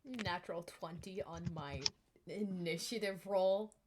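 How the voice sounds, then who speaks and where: A woman playing a tabletop game on a live stream, excitable, laughing and swearing at her dice rolls. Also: on the low side, a little slow, heavy background noise. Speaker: player.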